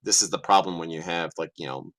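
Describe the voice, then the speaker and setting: A middle-aged man appears as a guest game master on a livestream call, chatting casually in a lively way. He talks fast in a low voice, swearing offhandedly and muttering while he hunts through his screen.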